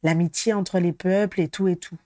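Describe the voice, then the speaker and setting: A woman's voice: lowish voice, steady tone, moderate pace, dark tone, no echo, studio quality, close to an everyday voice. A woman reading the lines of a weary grown-up male wizard hero, terse and guarded, in a storybook.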